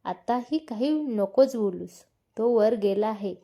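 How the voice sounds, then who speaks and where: A woman voicing an older father-in-law who is grave and kindly, giving slow, serious advice. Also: fairly high pitch, expressive, warm tone, full character voice.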